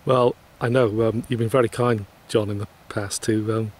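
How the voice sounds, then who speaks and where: A man's voice: fairly low pitch, flat delivery, moderate pace, slight background noise. A man interviewing a guest in a polite, hesitant way, with many fillers. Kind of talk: conversational interview.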